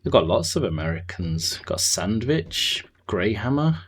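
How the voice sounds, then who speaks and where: With a fairly low, breathy voice, a man sounds very animated yet keeps a measured pace. He rambles casually through a building-game stream, thinking aloud, tailing off, and chatting with his viewers.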